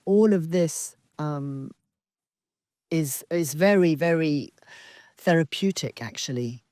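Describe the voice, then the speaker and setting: A woman from Zambia giving a slow, halting, reflective dharma talk as a meditation teacher on a retreat. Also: low-pitched, dark tone, no room sound, clean studio sound. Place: outdoor retreat in wilderness.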